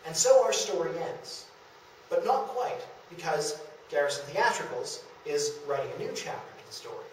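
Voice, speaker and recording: Speaking at normal speed in an animated, somewhat high voice, an apparently middle-aged man gives a storytelling history lecture with slides and acts out bits of dialogue. The small indoor room at a historic house is very echoey, captured by a distant camera a few metres away with faint noise.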